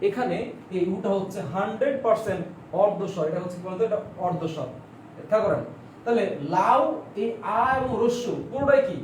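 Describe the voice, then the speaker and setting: A man's voice: high voice, animated, brisk, recorded from a distance. A male teacher giving an online exam-prep lecture, repeating points and asking questions that he answers himself, stretching out example words to show how they are said. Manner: repetitive, quizzes listeners with questions and answers them himself. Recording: echoey room, voice a bit off-mic, faint background noise.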